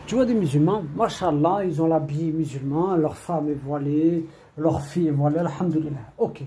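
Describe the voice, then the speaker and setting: Mellow-voiced man preaching a rambling reminder. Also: a little high, normal speed, a little hiss or hum. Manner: rambling and repetitive, sprinkled with Arabic religious phrases; scolding, streetwise warnings. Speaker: preacher giving an online religious reminder. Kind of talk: informal spoken religious reminder.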